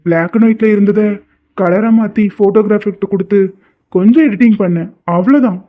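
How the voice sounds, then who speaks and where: A performer voicing a caring, affectionate young husband in a cartoon, speaking gently and soothingly. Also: mid-range voice, a little fast, close to an everyday voice. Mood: gentle. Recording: tinny phone-like audio.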